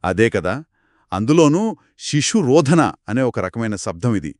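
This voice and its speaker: A man tells a children's folk tale in a conversational two-voice format, his voice moving animatedly up and down in pitch. The sound is close and dry with no room around it. His delivery is expressive and dramatic, sitting at a medium pitch. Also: unhurried, no echo. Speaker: storyteller.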